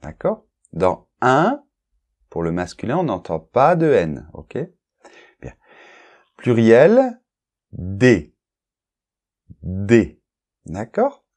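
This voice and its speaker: A man's voice: mid-range voice, wildly swooping pitch, takes it slowly, long pauses, darkish tone, slightly rough. A man teaching a French grammar lesson, talking straight to one learner, repeating sounds carefully and checking in often with "ok?" and "d'accord?". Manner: addresses the learner informally, one to one; spells out and repeats sounds for clarity.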